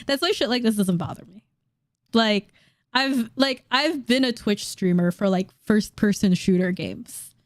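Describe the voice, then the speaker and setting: A woman in her late twenties reacting to online comments in a casual vlog, blunt and quick to laugh, swearing casually. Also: mid-range voice, no room sound, clean studio sound. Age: late 20s. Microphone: dynamic studio mic.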